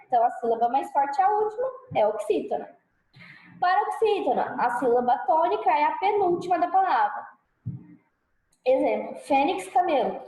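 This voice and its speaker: A Brazilian woman teaching a grammar lesson, checking in with her students often and sounding out example words slowly and loudly. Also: very high voice, echoey room, poor audio. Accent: Brazilian Portuguese. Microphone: clip-on mic.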